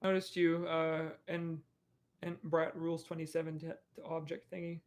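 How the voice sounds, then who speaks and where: A man's voice: a little high, completely flat delivery, normal speed. A young man answering viewer questions on a live stream in a rambling, casual way, full of fillers and restarts. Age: young adult. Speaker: animator and streamer.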